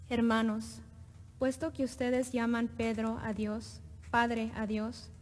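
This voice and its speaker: A woman reading scripture as a lector at Mass, solemn, formal and deliberate, in a cathedral echo. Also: fairly high pitch, warm tone. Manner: deliberate, formal, pausing between phrases. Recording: cathedral echo, long reverb, faint noise.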